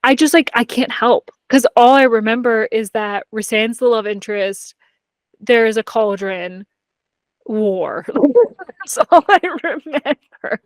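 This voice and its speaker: A podcast co-host chats about books with friends in an informal, candid way, peppering her speech with "like." Her voice is a little high and her pace measured, with no room sound.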